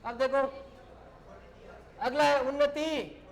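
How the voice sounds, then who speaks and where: A man's voice: very high-pitched, fairly even intonation, slow pace, gravelly, rough recording. A male teacher giving a classroom grammar lesson, dictating words and explaining them in short, repeated phrases.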